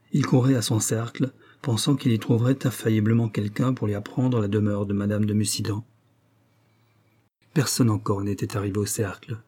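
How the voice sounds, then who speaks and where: A man narrating a novel as an audiobook in a measured storytelling manner. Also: lowish voice, dark tone, husky. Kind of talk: scripted narration.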